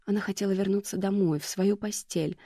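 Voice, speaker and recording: Flat, dark-voiced audiobook narrator. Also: medium pitch, a little fast, dry recording, studio quality. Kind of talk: scripted narration.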